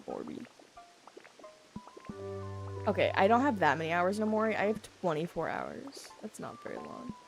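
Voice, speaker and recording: Young woman streamer, lively rambling chat, game music playing underneath. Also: lowish voice, normal speed, creaky, long pauses. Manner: chatty and rambling, lots of fillers and laughs. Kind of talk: casual gaming stream chat.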